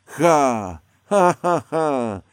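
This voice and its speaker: A man's voice: medium pitch, big pitch swings, drawn-out words, a little mellow, no room sound, clean studio sound, voice pushed up, exaggerated voice. A man voicing a grand, furious middle-aged actress who declaims like she is on stage. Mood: raging.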